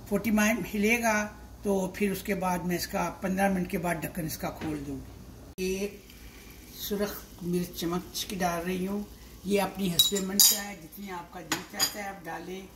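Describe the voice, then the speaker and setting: Standing at the stove indoors, a Pakistani-accented woman in her sixties, a home cook and cooking show host, explains each step off the cuff and repeats herself a lot. Her mid-range voice sits over a noisy background. The room echoes with sizzling, stirring, and clinking pots and dishes.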